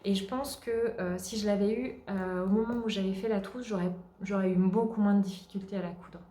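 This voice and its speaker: A podcast host chats casually at home in a show-and-tell style, hesitating often and filling pauses. Her voice is mid-range, steady and dark, and the roomy space adds echo.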